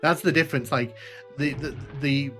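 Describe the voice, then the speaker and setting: Soft music plays behind this northern English livestream host, whose mid-range, slightly bright voice keeps a fairly even intonation. He has a light Liverpool twang and talks with viewers during gameplay in a chatty, informal way, stumbling and repeating phrases.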